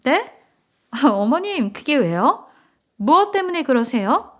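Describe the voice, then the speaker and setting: A woman's voice: high-pitched, big pitch swings, measured pace, a bit bright, full character voice. A woman voicing a scheming young daughter-in-law in a told story, with a sugary, pleading, whiny manner. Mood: sweetly polite. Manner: sugary, pleading, tearful whine. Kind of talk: storytelling radio drama reading.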